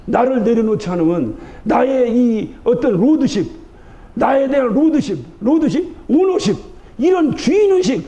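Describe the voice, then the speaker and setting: A man's voice: very high-pitched, lively intonation, measured pace, mellow. A man from Chungcheong preaching a sermon as pastor, driving his points home with rhetorical questions in a church sanctuary. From Chungcheong, Korea. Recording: dull broadcast recording of a church service.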